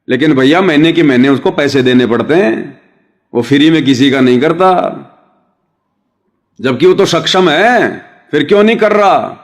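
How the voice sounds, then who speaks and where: A man giving a devotional sermon, explaining with everyday examples and addressing his listeners as brothers and sisters. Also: a little high. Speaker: devotional speaker.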